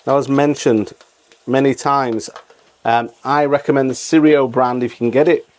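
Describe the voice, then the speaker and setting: A man's voice: mid-range voice, steady tone, normal speed, darkish tone. A middle-aged man hosting a casual step-by-step cooking tutorial, repeating phrases for emphasis. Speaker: cooking channel host.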